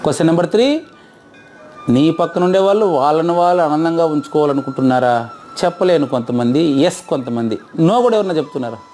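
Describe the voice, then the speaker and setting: Fast and fairly high-pitched with a darkish tone, this man runs an interactive lecture with faint music behind him. He keeps repeating questions to the group and checks what they answer.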